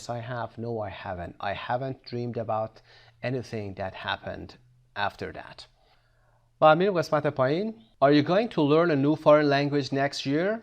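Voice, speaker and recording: A man with a Persian accent giving a recorded English textbook lesson, switching between quick explanations and slow, drawn-out model sentences. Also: mid-range voice. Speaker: English teacher.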